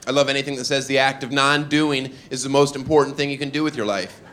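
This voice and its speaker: A man doing a stand-up comedy set on a club stage into a handheld mic, delivering deadpan one-liners with sudden loud bursts. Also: mid-range voice, fast. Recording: live club with audience noise.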